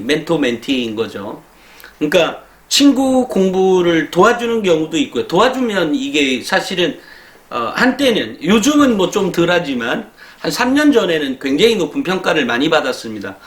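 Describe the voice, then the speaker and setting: A middle-aged man explaining college admissions in a chatty lecture style, with many fillers and rhetorical questions. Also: on the high side. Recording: echoey room.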